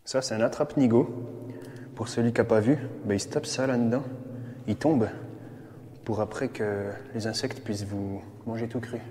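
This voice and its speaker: Narrating his bunker exploration for viewers, a man speaks at normal speed in a fairly low, steady, mellow voice, joking nervously as he goes. Soft background music plays, faint ambience lingers, and the concrete spaces echo with long, cathedral-like reverb.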